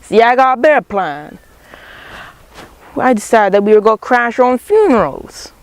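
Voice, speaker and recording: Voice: mid-range voice, sing-song, moderate pace, no room sound, rough recording. A student voicing Tom Sawyer, a bold boy retelling his adventures in a school character play. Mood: proud.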